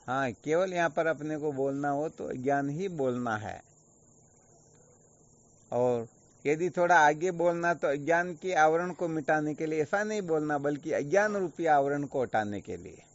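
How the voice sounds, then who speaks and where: A man's voice: a little high, animated, measured pace. A man acting as a spiritual teacher, giving a patient, explanatory online discourse full of rhetorical questions. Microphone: video call. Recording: dull lo-fi online call audio.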